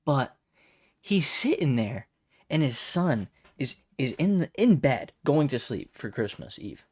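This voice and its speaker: A man's voice: medium pitch, very animated, measured pace, a little mellow, breathy edge, dry recording, clean studio sound. A man ranting to his viewers in a casual comedic vlog, exasperated and profane, rambling with frequent restarts. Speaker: vlogger. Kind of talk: casual comedic rant to camera.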